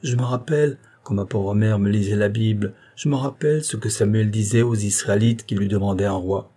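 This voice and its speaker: A man's voice: on the low side, steady tone, brisk, dark tone, husky. A man voicing a blunt, vehement revolutionary countryman who argues with rising insistence, pressing question after question. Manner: heated, insistent, hammering rhetorical questions.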